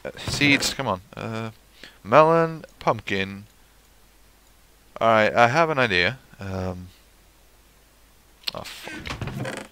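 A man's voice: fairly low pitch, animated, takes it slowly, sharp tone, smooth. A young man giving casual let's play commentary, swearing and talking to the creatures in his game. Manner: swears at the game, talks to mobs.

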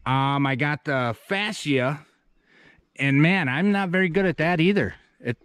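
In clean studio sound with no echo, a man with a fairly high, fairly bright voice speaks a little slowly while vlogging his barn construction. The homesteader's walk-through covers the rural building site outside and the wooden building inside, told in a rambling, folksy, self-deprecating way.

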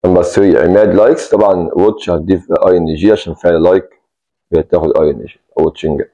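Deep-voiced Egyptian teacher explaining grammar. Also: male voice, fairly even intonation, normal speed, dark tone, dull audio. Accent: Egyptian Arabic. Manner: explains step by step, repeats key words, stresses "take care". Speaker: English teacher. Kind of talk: grammar lesson.

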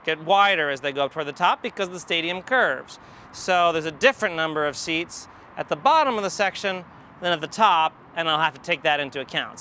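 Speaking in an American accent, this forty-something man explains math methodically, reasoning out loud as he goes. His voice is a little high, bright, and forceful. Recorded via lapel mic in a deserted football stadium, the audio carries outdoor ambience and faraway traffic.

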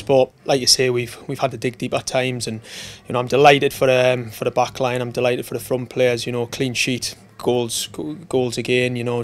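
A man in his thirties speaks as a football manager in a post-match interview, his voice level and flat with little rise and fall. He talks steadily, often pausing on fillers and restarting his phrases. He is recorded indoors in a press room. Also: medium pitch. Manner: steady, measured talk with frequent fillers and restarts. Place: indoor press room in front of a sponsor board.

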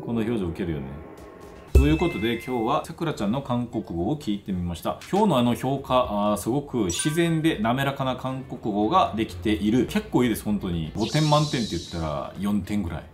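A man's voice: medium pitch, expressive, a little fast, soft background music. A man speaking, a language teacher commenting on clips and repeating phrases to show how they are pronounced. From Korea. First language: Korean. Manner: explains pronunciation, repeats phrases to demonstrate.

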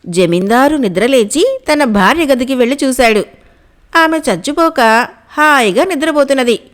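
A woman narrating a children's folk tale, reading steadily and clearly. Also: high voice, expressive, moderate pace. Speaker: storyteller.

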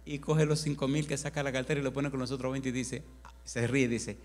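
A man's voice: medium pitch, level tone, a little mellow. A man preaching as pastor in a church, telling a story animatedly and acting out the other people's words in dialogue. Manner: slow emphatic altar call. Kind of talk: sermon with acted-out anecdote.

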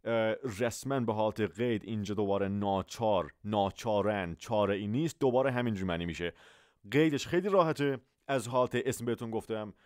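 A man whose first language is Persian, teaching English vocabulary and repeating example phrases slowly for his students. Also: fairly low pitch, clear, resonant tone, dry recording, studio quality. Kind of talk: vocabulary lesson.

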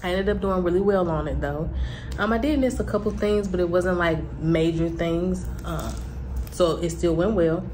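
A woman's voice: fairly low pitch, moderate pace, darkish tone, a little hiss or hum. Congested young woman chatting to camera. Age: young adult. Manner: chatty, rambling, many "um" and "like" fillers. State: congested, a little nasal. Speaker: vlogger, student. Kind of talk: casual vlog check-in.

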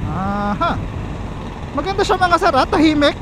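A man's voice: extremely high pitch, sing-song, normal speed, a bit bright, slight background noise. A man speaking from inside a full-face helmet, chatting casually to his viewers while he reviews it on a motorcycle ride. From Philippines. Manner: chatty, keeps addressing viewers as sir. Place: outdoors on a motorcycle. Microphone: helmet-mounted action camera.

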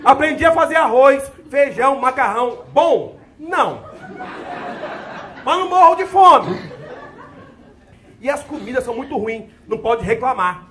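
A young adult man from Brazil doing a profane, animated stand-up routine, with a crowd laughing in the background. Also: very high voice, a little slow, pauses often, slight background noise. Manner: profane, animated storytelling with shouted sergeant bits. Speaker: stand-up comedian. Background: audience laughter.

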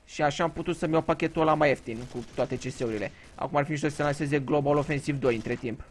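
A man's voice: a little high, a little hiss or hum. A man from Romania giving casual gameplay commentary, telling crude, joking stories and swearing freely. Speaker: gaming YouTuber.

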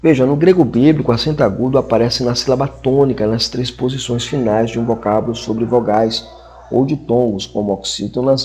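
A man with a Brazilian Portuguese accent teaching a recorded lesson, slowly repeating example words and checking in with frequent tag questions. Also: mid-range voice, a little mellow. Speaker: Greek language teacher. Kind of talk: recorded classroom lecture.

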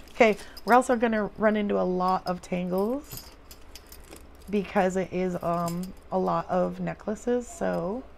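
A woman's voice: mid-range voice, vocal fry, a little mellow, slight background noise. A woman hosting a video, chatting casually through an unboxing. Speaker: video host.

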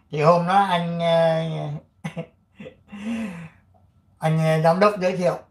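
An older man from Vietnam hosting his channel, chatting casually and reading an article aloud, rambling with many fillers and frequent throat clearing. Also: fairly high pitch, fairly even intonation, extremely slow, roomy sound. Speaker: channel host.

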